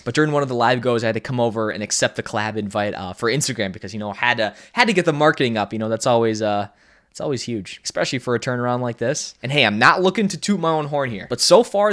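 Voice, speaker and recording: A man in his twenties talking casually to the camera, excited and rambling, with lots of "like" and "you know". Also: mid-range voice. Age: 20s. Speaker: vlogger and wrestler.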